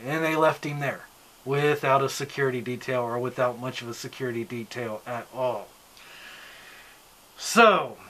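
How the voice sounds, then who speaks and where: A man with an American accent delivers informal political commentary to his online audience. His voice sits a little high and has a sharp, forceful brightness. He explains things insistently, often putting questions to the listener and answering them. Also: low-quality recording.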